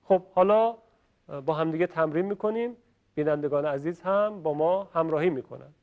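A man from Iran teaching Quran recitation in a lesson, patiently demonstrating how sounds are made and asking viewers to repeat after him. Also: a little high. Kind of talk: classroom-style lesson. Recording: dull lo-fi recording.

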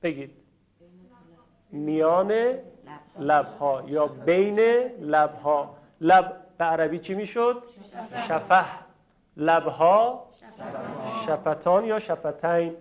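High-voiced male recitation teacher, lo-fi. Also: long pauses. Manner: patient, demonstrates pronunciations, asks viewers to repeat. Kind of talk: classroom-style lesson. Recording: dull lo-fi recording.

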